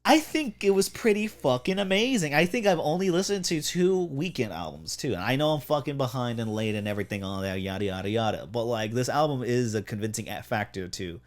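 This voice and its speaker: A man's voice: mid-range voice, animated, brisk, few pauses. Profane, rambling male podcast host. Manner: profane, rambling storyteller with frequent laughs. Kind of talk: casual chat.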